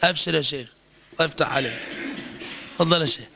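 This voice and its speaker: A man teaching a lesson, correcting students' pronunciation and repeating syllables slowly. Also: on the high side, creaky, pushed and bright, a little hiss or hum. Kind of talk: live online recitation lesson.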